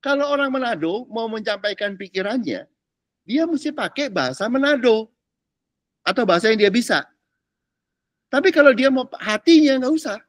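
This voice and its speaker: Male pastor teaching a casual class, animated and slangy, dry close sound. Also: very high voice, moderate pace, pauses often, no room sound. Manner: chatty, keeps checking the class understands, drops English words; uses casual Jakarta slang. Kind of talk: informal teaching talk.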